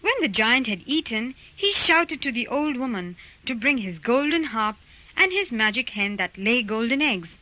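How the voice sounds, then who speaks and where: Lively, bright woman telling a children's story. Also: a little high, normal speed, dry recording, rough recording. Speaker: narrator. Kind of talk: scripted storybook narration for children.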